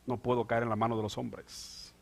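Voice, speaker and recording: A male pastor preaching a sermon, moving from quiet asides to loud, drawn-out proclamation. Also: mid-range voice, little pitch movement, gravelly. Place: church sanctuary. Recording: church hall with long reverb.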